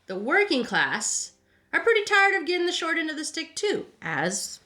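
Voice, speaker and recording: A woman hosts a podcast, casually telling history from notes in a chatty, informal way, often tacking "right?" onto sentences. She stumbles, corrects herself, and repeats words. Her high voice is pushed and bright, swooping wildly in pitch at a moderate pace.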